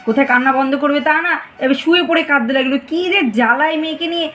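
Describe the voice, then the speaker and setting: Woman doing a fast, nagging cartoon mom. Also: high voice, fairly bright tone. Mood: exasperated. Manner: brisk, nagging. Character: scolding, exasperated mother. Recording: clear noise and clicks behind.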